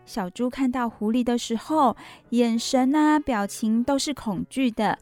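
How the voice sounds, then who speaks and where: A woman with a Taiwanese accent hosting a children's bedtime story show, speaking directly to young listeners with questions and soft sentence endings. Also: on the high side, unhurried, faint music behind.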